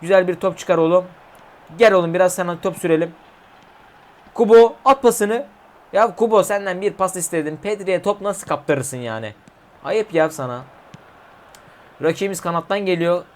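A man in his twenties commentating his mobile football game, shouting player names and cursing at missed passes. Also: sits high, normal speed, pauses often. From Turkey. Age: 20s. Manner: excitable, yelling player names at goals, swearing at the game. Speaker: gaming YouTuber.

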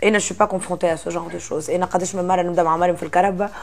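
A woman's voice: lowish voice, rapid-fire, a little hiss or hum. A woman in her thirties with a Tunisian accent, chatting as an interview guest and slipping in French phrases between laughs. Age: 30s. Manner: lively, mixes in French phrases, laughs often. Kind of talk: casual interview chat. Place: indoor studio set with armchairs.

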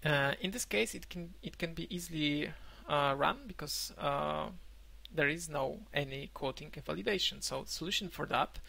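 A young man whose first language is Polish gives an online conference talk from a room at home, pausing often with fillers and restarts over a webcam microphone. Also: a little high, creaky, bright, forceful tone. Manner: halting, many fillers and restarts. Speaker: conference speaker. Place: indoor room, remote talk.

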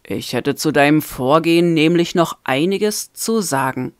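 A woman's voice: low voice, expressive, a little slow, dry recording, studio quality. A woman reading a curt, threatening man. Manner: curt, menacing. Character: protective, threatening young man.

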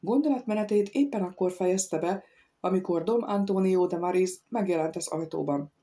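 A woman narrating a classic novel as an audiobook, in an even, clear storytelling manner. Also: lowish voice. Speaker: audiobook reader. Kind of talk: scripted narration.

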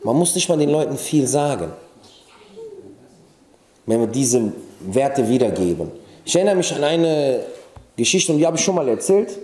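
Guy preaching, chatty storyteller style, drops arabic religious words, sounds roomy and echoey, middle-pitched voice. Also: sing-song, normal speed, long pauses, dark tone. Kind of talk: informal sermon. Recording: echoey room.

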